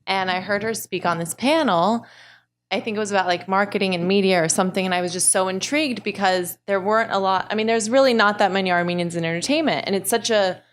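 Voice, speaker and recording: A woman's voice: medium pitch, quick pace. A young adult woman speaking as a panelist, telling her story casually and quoting her own words. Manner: storytelling, casual, quotes herself. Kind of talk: panel discussion.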